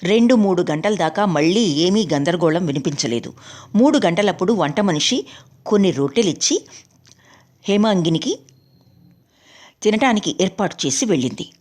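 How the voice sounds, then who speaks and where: Low-voiced woman reading a storybook. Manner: steady, measured reading. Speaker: narrator. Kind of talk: audiobook storytelling.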